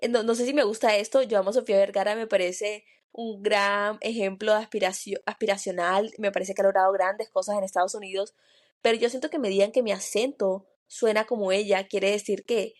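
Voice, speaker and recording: A woman's voice: mid-range voice, steady tone, fairly quick, a little mellow. A woman co-hosting a podcast in a casual, earnest chat, sharing her own experiences thoughtfully and restarting phrases as she thinks. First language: Spanish. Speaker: podcast co-host.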